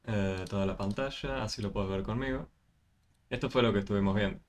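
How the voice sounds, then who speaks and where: A man's voice: on the low side, brisk, slight background noise. A man tutoring math over a video call, explaining step by step with many fillers. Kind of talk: online tutoring session.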